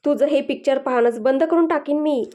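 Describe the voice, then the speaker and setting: A woman's voice: high voice, brisk, warm tone, natural voice. A woman voicing a playful, affectionate young husband in a read-aloud story. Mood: exasperated. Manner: playful, teasing. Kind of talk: storybook dialogue reading.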